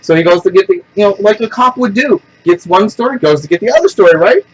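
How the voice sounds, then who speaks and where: This podcast host speaks quickly in a high, breathy-edged voice, and the audio is poor. He's blunt and full of opinions in the casual chat, animatedly spinning stories and impersonating the people in them.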